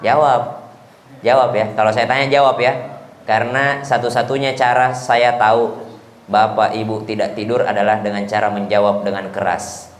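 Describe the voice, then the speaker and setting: A man preaching a lively mosque sermon, chanting verses and asking his congregation questions. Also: lowish voice, moderate pace. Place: mosque hall. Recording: echoey mosque hall.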